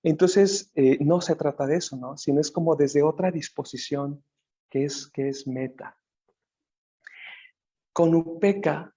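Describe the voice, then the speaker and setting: Gravelly-voiced Mexican man teaching Buddhism. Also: a little high, mellow. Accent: Mexican Spanish. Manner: thinks aloud, restarts often, tag questions. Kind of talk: dharma talk. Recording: dull muffled lo-fi recording.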